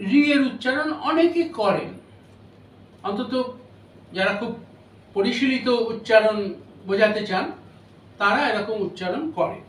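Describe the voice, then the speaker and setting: Distant, echoey high-voiced male lecturer. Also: fairly bright tone, slight background noise. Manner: measured, explanatory, pauses between phrases. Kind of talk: memorial lecture on phonetics. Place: lecture hall. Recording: roomy hall audio from a distance.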